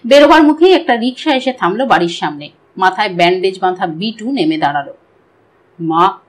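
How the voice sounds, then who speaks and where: A woman narrating an audiobook story with a steady, expressive reading. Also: mid-range voice, quick pace, rough recording.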